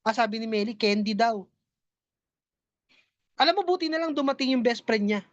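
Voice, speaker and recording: A woman's voice: a little high, expressive, normal speed, dry recording, highs cut off. A woman vlogger chatting with her viewers as she tells a joke, often turning to talk to them directly. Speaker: network marketing vlogger. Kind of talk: casual joke storytelling to viewers.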